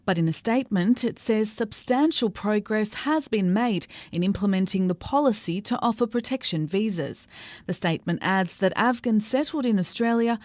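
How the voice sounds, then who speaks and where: A woman reporter reading a scripted news report in a measured, even way. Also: mid-range voice, no room sound.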